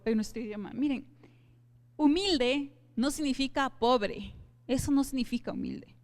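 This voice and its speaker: A woman teaching a church Bible study, speaking earnestly and addressing her listeners directly. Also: on the high side. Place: church hall. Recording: long hall reverb.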